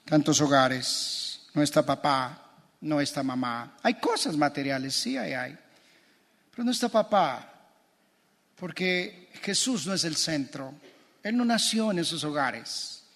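Impassioned pastor in echoing church. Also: male voice, on the high side, expressive, unhurried, a bit bright. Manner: impassioned preaching with repeated phrases. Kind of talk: sermon. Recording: long church reverb.

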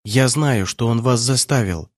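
A man's voice: mid-range voice, a little slow, darkish tone, no echo, studio quality, natural voice. A man voicing a young prince who speaks in a friendly, persuasive way.

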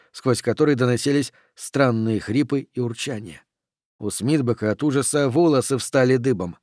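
A man narrating a thriller audiobook in a steady, measured reading. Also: mid-range voice, no room sound, studio quality.

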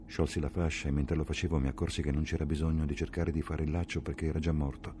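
A man reading a novel aloud as an audiobook, in a measured, slow and grave dramatic narration. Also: extremely low pitch, level tone, background noise. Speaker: audiobook reader.

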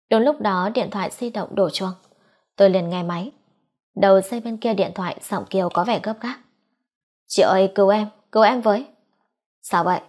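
Woman, mid-pitched, steady audiobook narrator reading a romance story. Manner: reads all characters' dialogue in a near-normal voice. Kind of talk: scripted narration of a romance novel.

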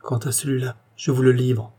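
A man's voice: medium pitch, little pitch movement, moderate pace, dark tone, breathy edge, natural voice. A man voicing a proud, imperious queen who gives firm orders in a historical story.

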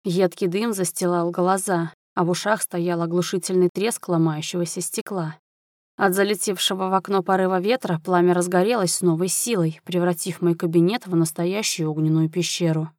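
A woman narrating a fantasy novel aloud in an even, expressive reading. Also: fairly low pitch, normal speed, dry recording, studio quality. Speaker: audiobook narrator. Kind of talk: dramatic fiction reading.

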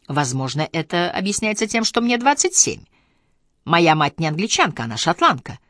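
A woman reading a calm, wry young man. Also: fairly low pitch, normal speed, no echo, studio quality. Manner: wry, composed, gently sarcastic. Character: young man, calm ironic solicitor on trial. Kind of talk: audiobook character voice.

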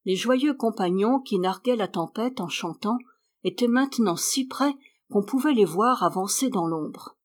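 A woman narrating a classic novel as an audiobook reader, lifting her voice higher and louder for the characters' lines. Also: expressive, measured pace. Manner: voices characters by rising in pitch and volume.

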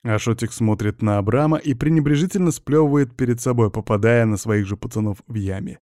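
A man's voice: mid-range voice, a little fast, mellow, no echo, clean studio sound. A man narrating a first-person crime story with a wry, sardonic manner.

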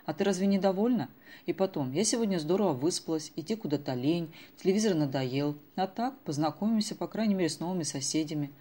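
Brief: brisk, anxious middle-aged mother, sharp and wry, read by a woman narrator. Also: lowish voice, animated.

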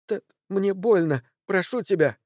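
A man's voice: on the high side, steady tone, moderate pace, a little mellow, no room sound, studio quality, lightly acted. A man voicing a frightened, injured young woman who pleads tearfully, in an audiobook. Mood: pleading.

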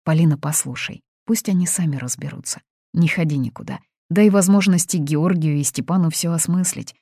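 A woman's voice: sits low, normal speed, mellow, husky, no room sound, studio quality. A woman reading aloud, voicing a blunt, matter-of-fact young woman friend. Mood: calming. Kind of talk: audiobook reading.

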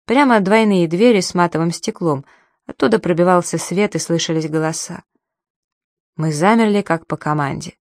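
Low-voiced woman narrating a novel. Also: normal speed, darkish tone, dry recording, clean studio sound. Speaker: audiobook narrator. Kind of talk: audiobook narration.

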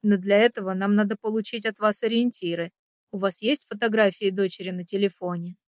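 A woman's voice: mid-range voice, fairly even intonation, a little fast, no room sound, studio quality, close to an everyday voice. A woman voicing a stern male security chief who speaks formally and reassuringly in an audiobook. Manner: strict formal address, reassuring.

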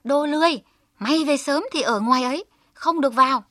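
A woman voicing a cruel sister-in-law who scolds in a shrill, harsh tone. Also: a little fast, a bit bright, no room sound, studio quality. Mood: scolding. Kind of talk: storybook voice.

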